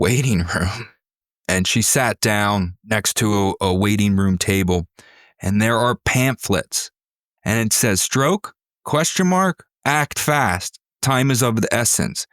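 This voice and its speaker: A man, a podcast guest, recounting a personal ordeal in vivid, intense storytelling with sudden jumps in pitch. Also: no echo, studio quality.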